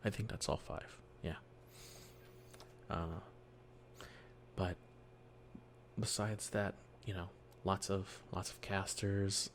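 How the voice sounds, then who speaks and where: A soft-spoken man as a dungeon master in a whispered role-play, explaining gently and patiently with many fillers, speaking quietly at home. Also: low voice, fairly even intonation, slow pace, pauses often, a little hiss or hum. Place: quiet home early morning.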